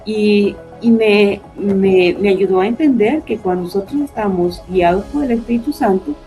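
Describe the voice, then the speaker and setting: A woman's voice: mid-range voice, normal speed, warm tone, faint music behind, low-quality recording. A woman giving an earnest personal faith testimony as a panelist, often adding tag questions.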